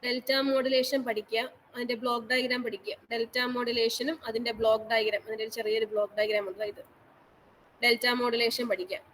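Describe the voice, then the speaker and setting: A woman's voice: on the high side, little pitch movement, fast talker, a bit bright, a little hiss or hum, poor audio. A woman college teacher giving an online lecture, repeating each instruction and mixing English technical terms into her speech. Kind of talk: online class lecture on exam syllabus.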